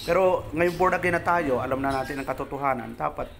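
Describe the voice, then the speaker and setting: A man's voice: fairly high pitch, brisk, vocal fry, background noise. A man from the Philippines, a pastor, giving a conversational sermon, reading English scripture verses and explaining them in Tagalog to his listeners.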